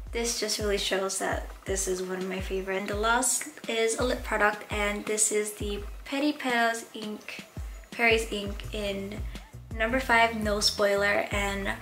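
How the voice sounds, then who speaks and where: A woman's voice: medium pitch, fairly bright tone. Chatty young woman reviewing makeup. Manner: chatty, many fillers like um and like. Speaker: beauty vlogger. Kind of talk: casual product review.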